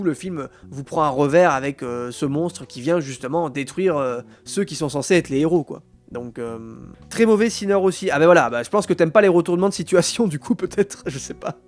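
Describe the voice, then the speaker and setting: A man hosting a live stream, chatting casually about films and addressing his viewers with many fillers. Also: on the high side. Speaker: streamer host.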